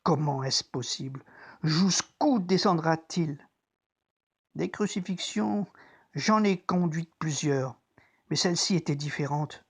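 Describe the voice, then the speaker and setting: Actor doing a conscience-stricken roman centurion talking to himself, biblical drama, deliberate and reflective. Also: mid-range voice, husky. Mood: shaken, awed. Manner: introspective, deliberate, theatrical. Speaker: actor narrating a dramatic monologue.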